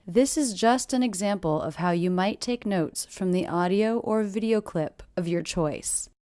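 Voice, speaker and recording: Clear-voiced woman teaching pronunciation. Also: medium pitch, mellow, no echo, studio quality. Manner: clear, deliberate, repeats phrases slowly. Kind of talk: pronunciation lesson.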